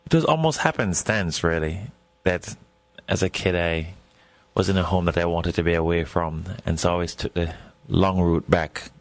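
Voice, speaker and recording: A Jamaican man with an extremely deep, low voice, speaking in a radio interview. He tells his stories in a reflective, unhurried way, like a scholar who is turning a thought over as he talks. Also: dry recording. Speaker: guest scholar.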